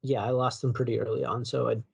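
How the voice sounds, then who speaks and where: A man co-hosts a casual podcast about video games. His voice sits at a middling pitch, and he rambles loosely, often stopping to restart a sentence. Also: level tone, fast, vocal fry, a little mellow, breathy edge. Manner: rambling, self-correcting, loose. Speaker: podcast co-host.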